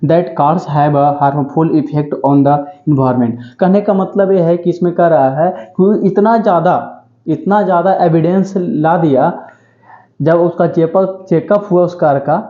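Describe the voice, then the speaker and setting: Taking it slowly in a slightly high voice, a male English vocabulary teacher runs an exam-prep lecture. He drills every word repetitively, using "ठीक है" and asking himself questions, while the echoey room gives a dull lo-fi sound.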